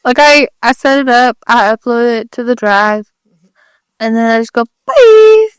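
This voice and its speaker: A woman talks casually as a podcast co-host. Her voice is fairly high and clean, recorded dry and close without room sound. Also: steady tone, normal speed, a bit bright, clear, resonant tone, no echo.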